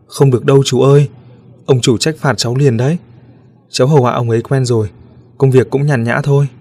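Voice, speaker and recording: A man's voice: medium pitch, fairly even intonation, brisk, mellow, close to an everyday voice. A man doing a wistful little ghost boy. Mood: earnest, wistful. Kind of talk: storybook reading.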